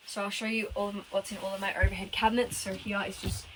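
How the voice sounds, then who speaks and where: A woman's voice: medium pitch, little pitch movement, fast talker. A young woman, chatting casually as she gives a tour of her converted bus and laughs often. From Australia. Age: early 20s. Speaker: vlogger giving a bus tour. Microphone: camera held by her sister. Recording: camera at a distance with background noise.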